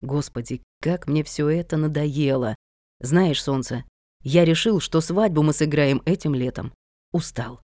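A woman's voice: deep voice, unhurried, warm tone, no echo, clean studio sound. A woman voicing a manipulative man who talks down to his fiancée in a coaxing, condescending way, in an audiobook reading. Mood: weary irritation.

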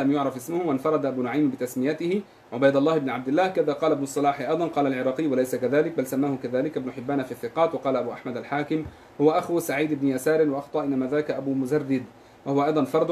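رجل يقرأ نصًا تراثيًا في درس بسرعة، ويضبط الحروف والحركات كلمةً كلمة. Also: male voice, mid-range voice, darkish tone, a little hiss or hum. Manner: reads quickly, spells out vowels and letters. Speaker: reader of the text in a lesson. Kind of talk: rapid recitation of a classical text.

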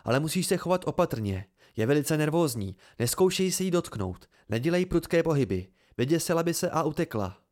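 A man's voice: fairly high pitch, big pitch swings, hardly any pauses, darkish tone, voice pushed up. A man voicing an anxious young male student who pleads urgently in an amateur audiobook reading.

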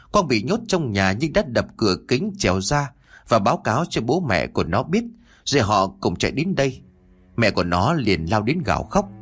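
A man narrates a horror story in an expressive, dramatic reading. His pitch moves a lot, and faint background music plays throughout. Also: slightly rough.

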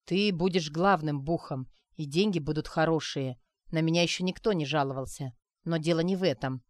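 Woman playing a well-groomed man, earnest, hesitant, low-set voice. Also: normal speed, darkish tone, no room sound, lightly acted.

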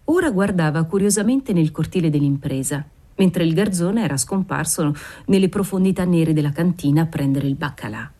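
A woman narrating a classic novel aloud in a measured, descriptive reading. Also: low voice, expressive, mellow. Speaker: audiobook narrator. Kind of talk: scripted narration.

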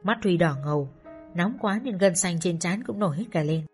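Low-voiced woman narrating a story. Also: moderate pace, darkish tone, husky, faint music behind. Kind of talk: first-person audiobook narration.

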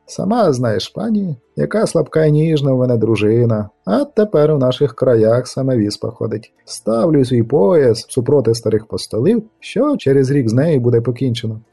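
A man's voice: mid-range voice, sing-song, normal speed, vocal fry, hardly any pauses, mellow, husky, no room sound, clean studio sound, faint music behind, full character voice. A man voicing a sly, mock-sorrowful baron in an audiobook. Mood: mock-sad. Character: sly merry married male baron.

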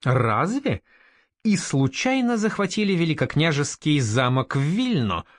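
A smooth, sugary merchant councillor who never quite trusts his guest, as a man reading an audiobook puts him on. His voice rises and falls in lively turns, recorded dry and close. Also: mid-range voice, normal speed, no room sound, lightly acted. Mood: probing. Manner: smooth and suspicious. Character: sugary, wary older male merchant councillor.

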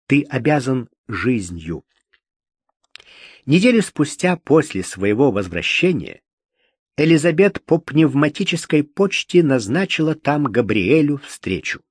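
A man reading a novel aloud as an audiobook narrator, measured and expressive, slowing down for emphasis. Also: mid-range voice, no room sound, clean studio sound. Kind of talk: scripted literary narration.

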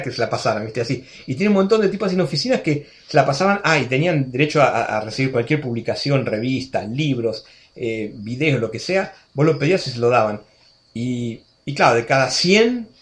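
A man in his sixties with an Argentine accent, a radio guest telling stories in a chatty way, full of restarts and asides. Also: mid-range voice. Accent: Argentine Spanish. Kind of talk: casual storytelling interview.

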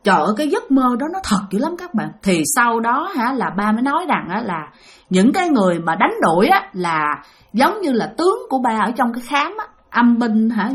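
A woman with a Southern Vietnamese accent narrating a ghost story in a chatty way, talking directly to her listeners. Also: a little high.

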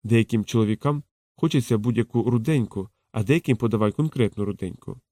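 A man reading a calm, knowing courtesan in a soft, low and hushed voice. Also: fairly quick, no echo, natural voice. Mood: teasing. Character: frank, teasing courtesan woman, calm and knowing.

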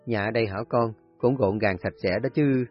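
A man's voice: lowish voice, a little fast, lightly acted. A man voicing an older village father who is stern but tender and questions bluntly, in a storybook reading. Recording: husky voice, dull lo-fi audio, faint music.

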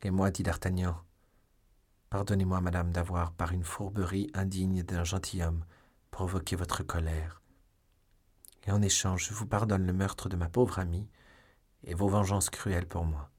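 An impassioned young musketeer with a soft heart, as a male reader plays him. His lines come in a low, husky voice. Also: flat delivery, unhurried. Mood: sorrowful.

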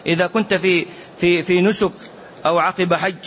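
A middle-aged man, a sheikh giving a religious lesson and answering questions in an animated way, full of rhetorical questions and mock dialogue. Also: high-pitched, fairly quick. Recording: dull lo-fi recording with faint hiss.

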